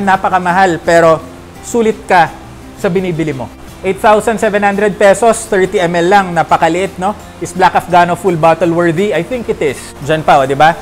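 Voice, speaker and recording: Chatty man reviewing perfume. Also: high-pitched. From Philippines. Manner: chatty, peppers talk with tag questions; animated, jokey asides. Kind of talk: casual fragrance review vlog.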